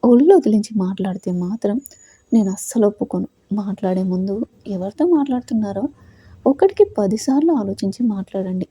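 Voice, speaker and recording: A woman's voice: mid-range voice, fairly quick, warm tone, husky, no echo, close to an everyday voice. A woman voicing a bold, commanding young wife. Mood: stern. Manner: firm, commanding, cutting. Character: bold young wife standing up for her husband.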